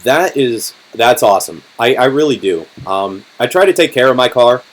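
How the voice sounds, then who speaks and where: A young man in his twenties hosting a casual live-stream Q&A, talking in a relaxed, rambling way with lots of ums and restarts, his voice going hoarse. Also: mid-range voice, normal speed, poor audio. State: voice getting hoarse. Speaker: car channel host.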